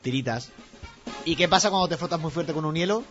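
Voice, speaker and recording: A man telling jokes in a teasing, animated way, acting out the voices in each joke. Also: fairly high pitch, rapid-fire, highs cut off, faint music behind. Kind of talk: casual joke-telling contest.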